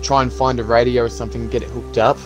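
In an improvised game roleplay, a man voices a practical, hopeful survivor of a zombie apocalypse, speaking haltingly and conversationally in a practical, planning mood. His mid-range voice stays level and is only lightly acted, heard over music.

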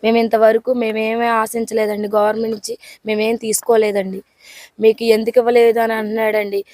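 A woman's voice: a little high, level tone, a little fast, darkish tone, dry recording. A woman earnestly pleading her case to reporters outdoors, repeating her complaints.

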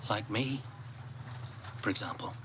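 An actor playing a wry private detective who speaks in a dry, blunt way. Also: male voice, lowish voice, a little slow, noisy background, natural voice. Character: wry middle-aged male private detective.

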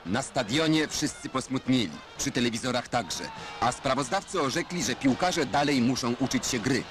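A man's voice: medium pitch, expressive, normal speed, over music. A man giving wry, ironic voice-over narration for an old newsreel. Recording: noisy old film soundtrack.

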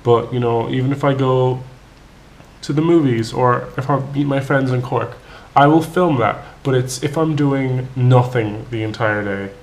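A man, hoarse and raspy from tonsillitis, talking casually to his viewers in a vlog, rambling with lots of fillers. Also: medium pitch, unhurried. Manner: rambling, many fillers and restarts. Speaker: vlogger.

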